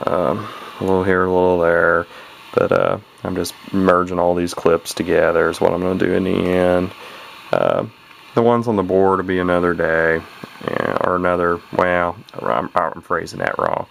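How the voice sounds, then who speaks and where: In a noisy home video from a handheld camera, a man walks through fixing a radio himself, narrating in a low, creaky voice with a steady tone at normal speed. His talk is rambling and folksy, and he keeps correcting himself.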